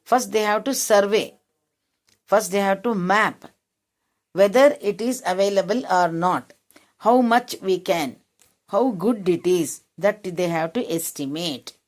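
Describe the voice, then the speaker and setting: A woman's voice: medium pitch, measured pace. Indian woman teaching a lesson. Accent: Indian English. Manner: rephrases each point in simple words, asks if it is clear. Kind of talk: classroom lesson, reading then explaining.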